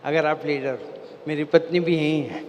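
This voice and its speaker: A man's voice: on the high side, fairly even intonation, moderate pace, a little mellow. A man giving a devotional seminar talk to a live gathering. He poses questions to the crowd and then answers them himself. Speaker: spiritual seminar speaker. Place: large hall with an audience. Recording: long hall reverb, faint background noise.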